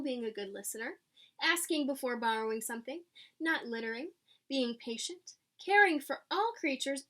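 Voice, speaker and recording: A high-voiced woman reads to children from a picture book in the manner of a teacher. Her delivery is animated and explanatory, with lines acted out and asides added along the way.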